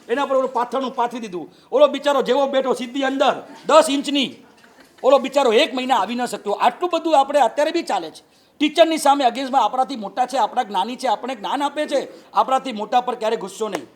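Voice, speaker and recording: A man with a Gujarati accent, a Jain monk giving a humorous sermon and acting out the people in his stories in a raised voice. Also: very high-pitched. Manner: animated, acts out quoted people with raised voice.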